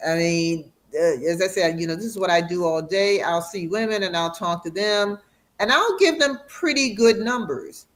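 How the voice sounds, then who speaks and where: A doctor patiently explaining. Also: female voice, on the low side. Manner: warm, explanatory, slows for emphasis. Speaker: radiation oncologist guest. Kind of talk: educational interview.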